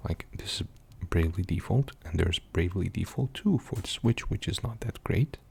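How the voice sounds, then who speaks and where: A young man talks in a soft ASMR whisper, rambling with frequent fillers. What voice there is sits low and gravelly. Much of it is pure breath. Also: animated, moderate pace. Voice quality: mostly unvoiced whisper. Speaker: ASMR video host. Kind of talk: whispered ASMR game show-and-tell.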